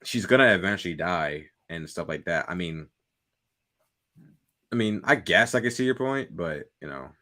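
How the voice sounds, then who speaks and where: A man co-hosts a casual podcast, chatting with lots of filler words and frequent laughter. His voice is bright and forward, and his pitch moves around a lot as he talks. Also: moderate pace. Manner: animated, laughs often, many "like" fillers. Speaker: podcast co-host. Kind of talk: casual chat.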